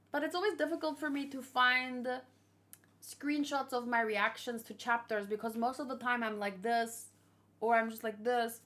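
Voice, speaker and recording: A woman with a slightly high, bright, forceful voice hosts a manga reaction video. She chats casually and unscripted, thinking aloud and asking questions.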